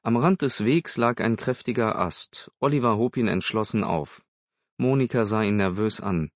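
A low-voiced man narrates a storybook in a steady, measured way. The recording is close, very dry and a little dull in the highs. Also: no echo. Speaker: audiobook narrator. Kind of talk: scripted narration.

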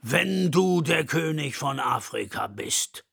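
A cautious young elephant speaks in slow, deliberate words, as a man puts him on. The voice has a slightly gravelly edge and a close, dry sound. It is a storybook hero who is careful but speaks up. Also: fairly high pitch, sing-song, sharp tone, no echo, full character voice. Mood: defiant.

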